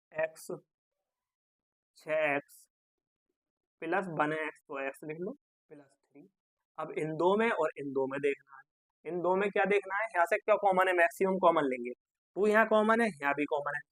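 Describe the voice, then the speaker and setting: A man's voice: high-pitched, no echo. A man teaching maths step by step, coaxing his students and asking and answering his own questions. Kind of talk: step-by-step classroom explanation.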